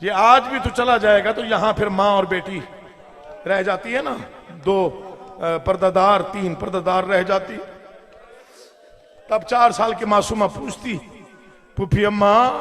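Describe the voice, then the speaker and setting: High-voiced reciter with Pakistani Urdu accent. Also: male voice, measured pace, long pauses. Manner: builds from soft asides to loud chanted lament. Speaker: majlis reciter. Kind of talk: Shia mourning sermon. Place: large hall before a live gathering. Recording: live recording with long hall reverb.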